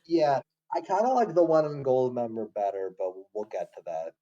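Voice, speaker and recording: Casual young male co-host, mellow, a bit dull and lo-fi. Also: expressive, normal speed. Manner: loose, slangy, swearing, laughing at lowbrow jokes. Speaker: podcast co-host. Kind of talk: casual chat.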